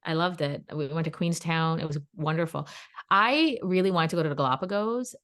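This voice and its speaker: Animated woman telling a story on a podcast. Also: a little fast. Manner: animated, acts out quoted dialogue in pitched-up voices; chatty and emphatic, addresses listeners as "guys". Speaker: podcast co-host. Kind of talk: casual chat, personal storytelling.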